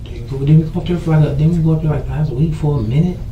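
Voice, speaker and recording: A man's voice: on the high side, quick pace, warm tone, lo-fi sound. Jittery male suspect, echoey distant recording. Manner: jittery, defensive, repeats and restarts phrases. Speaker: suspect being questioned by police. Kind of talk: police interview answers. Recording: echoey room, distant mic, faint noise.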